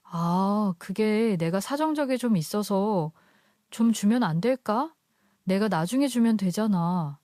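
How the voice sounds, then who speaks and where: Woman reading as a sly husband, coaxing and pleading, mellow voice, dry close recording. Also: medium pitch, expressive, measured pace, no echo, natural voice. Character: wheedling husband, sly, after money.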